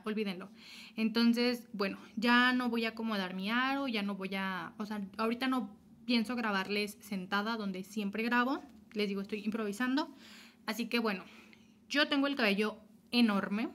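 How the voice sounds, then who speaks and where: A young woman chatting casually through a home hair-dye tutorial, hurried and addressing her viewers directly. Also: on the high side, fairly bright tone, slight background noise. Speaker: beauty vlogger. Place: home, improvised spot.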